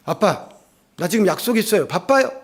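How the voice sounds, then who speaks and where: A man voicing whiny, complaining children in a sermon story, high and petulant. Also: expressive, a little fast. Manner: petulant, high-pitched whining.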